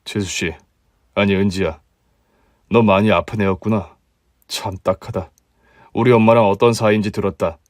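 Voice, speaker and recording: A man's voice: fairly low pitch, fairly even intonation, normal speed, long pauses, no room sound, pitched below the performer's own voice, close to an everyday voice. A man voicing a young husband who speaks in a dry, resigned, cutting way in a radio drama. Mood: disillusioned.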